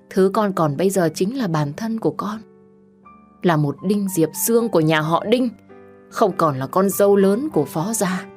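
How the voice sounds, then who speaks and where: A woman's voice: darkish tone, natural voice. Woman voicing a sobbing, heartbroken young wife. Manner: tearful, pleading, rising to shrill outbursts. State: crying.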